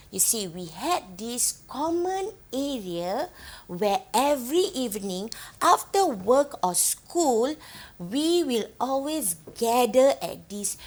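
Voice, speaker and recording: An actress with a Singaporean accent, playing a young woman who fondly recalls her island village childhood, gently telling her story and asking the listener questions. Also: high-pitched, heavily acted. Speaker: actor in a monologue. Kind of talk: theatrical storytelling monologue to the audience.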